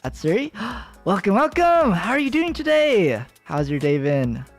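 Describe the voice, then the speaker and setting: A young American man streaming as a VTuber chats casually with viewers, rambling and giggling, full of fillers and restarts. His voice sits high and is very animated, though unhurried. Faint music plays behind him.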